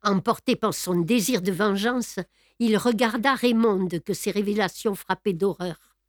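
A woman narrating a classic novel as an audiobook, with a dramatic, measured delivery. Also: mid-range voice, dry recording, studio quality. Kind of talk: expressive reading of a classic novel.

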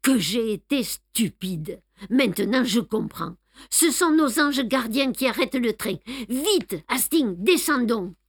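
Hercule Poirot, brisk and bossy, as a woman reader puts him on. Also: fairly high pitch, expressive, slightly rough, no echo, studio quality, full character voice. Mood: excited. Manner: brisk, commanding, exclamatory. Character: fussy excitable older male detective. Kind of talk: audiobook reading with voiced dialogue.

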